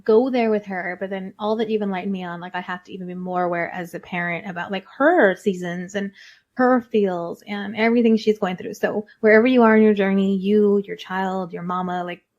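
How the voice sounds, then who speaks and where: A woman in her forties hosting a casual podcast, talking quickly with a mid-range voice. She is chatty, playful and full of enthusiasm. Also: medium pitch, fairly even intonation, dull audio. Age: 40s. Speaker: podcast host. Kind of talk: casual interview talk.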